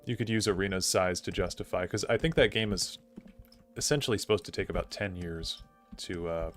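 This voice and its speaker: This young male gaming streamer has a low-pitched, fairly bright voice and talks a little fast over soft background music. He chats casually while playing live, thinking out loud and answering chat with plenty of "like" fillers.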